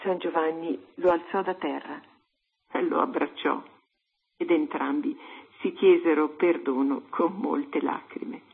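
A woman co-host reading a devotional story aloud in a calm, measured way on religious radio. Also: sits low, gravelly, slightly rough. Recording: narrow phone-like radio sound.

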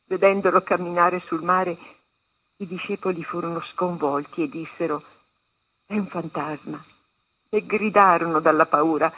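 A woman reading a meditation and a Gospel passage aloud on a religious radio program, in a measured, solemn way. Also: on the low side, fairly even intonation, slightly rough. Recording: tinny phone-line sound.

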